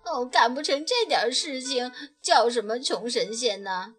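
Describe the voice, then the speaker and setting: A woman's voice: fairly high pitch, measured pace, a bit bright, soft background music. A woman voicing a shy, humble old god of poverty who talks bashfully and apologetically in a storybook reading.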